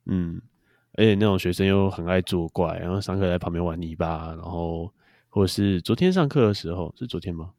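A man's voice: low voice, fairly quick, mellow, dry recording. A young man, chatting casually as a podcast co-host and telling stories. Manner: chatty storyteller. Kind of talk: casual chat.

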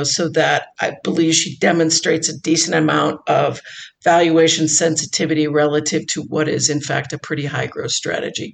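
A woman investor, formerly a chief investment officer, speaking in an interview with measured, deliberate explanations. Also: deep voice, vocal fry, a little hiss or hum, rough recording. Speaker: investor, former endowment CIO. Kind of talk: interview conversation.

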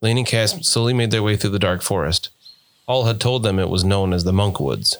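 A man narrating a fantasy audiobook in a steady storytelling voice. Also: fairly low pitch, brisk, slight background noise.

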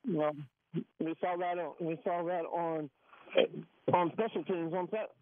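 Male caller with a muffled, fishbowl-like phone sound; high, animated, chatty and laughing, dry line. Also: a little slow, no echo. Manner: chatty, often breaks into laughter. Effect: muffled phone line, like talking inside a fishbowl. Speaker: caller to a sports radio show. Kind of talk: casual chat.

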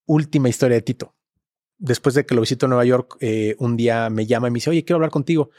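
A man's voice: medium pitch, fast, dark tone, no room sound, studio quality. A man with a Mexican Spanish accent, a podcast guest telling a personal story in a casual, slangy, emotional way. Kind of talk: candid storytelling.

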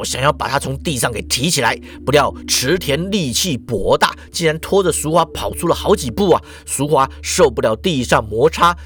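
A man with a fairly high voice narrates a comic story in a lively way. He stretches out the particles at the ends of his sentences. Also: husky.

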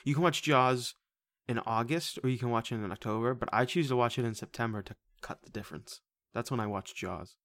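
A man hosting a casual movie podcast, joking around with goofy, animated bursts. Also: mid-range voice, a little fast, dry recording. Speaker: podcast host.

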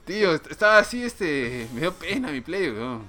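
A young man with a Peruvian accent telling a funny story in a casual chat, with dramatic, animated delivery. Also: a little high, moderate pace, over a noisy crowd. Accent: Peruvian Spanish.

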